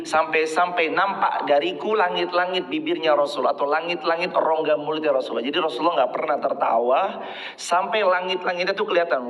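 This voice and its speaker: A man preaching a casual sermon with a fairly high voice, switching into little acted-out exchanges and slow chanted Arabic verses. The sound is dull and lo-fi, with long reverb from a large echoey hall. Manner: acts out quoted speech, chants Arabic verses.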